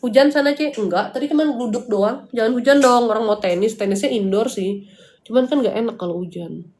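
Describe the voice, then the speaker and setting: Woman talking quick on a live stream, blunt and preachy, bit of room echo. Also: on the high side, darkish tone. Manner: chatty and blunt, mixes preaching with slangy Jakarta-style asides. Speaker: spiritual consultant hosting a live stream. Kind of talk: casual livestream talk, answering viewers. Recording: echoey room.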